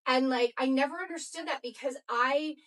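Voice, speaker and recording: A woman's voice: high voice, moderate pace, distant mic. A woman co-hosting a casual wellness podcast chat, talking earnestly and repeating phrases for emphasis. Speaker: podcast co-host.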